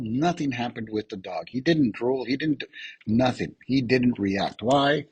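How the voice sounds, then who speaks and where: Man, teacher, husky fading voice, dry close sound, casual lecture, keeps checking in with the class. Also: medium pitch, no echo, low-quality recording. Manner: casual, repeats "right?" to check understanding. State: losing his voice.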